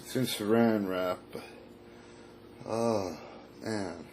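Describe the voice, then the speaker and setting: A man hosting his own video, musing aloud in a halting, casual way while sorting through a home kitchen and later describing a phone game. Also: fairly low pitch, background noise. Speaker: video host. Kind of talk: casual rambling commentary.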